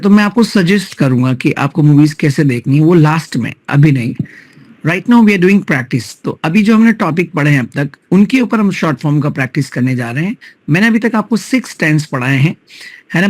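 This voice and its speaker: A man's voice: a little high, dry recording. A man teaching spoken English in an online class with an Indian accent. He moves between Hindi and English, adds tag questions to check on his students, and drills words sound by sound.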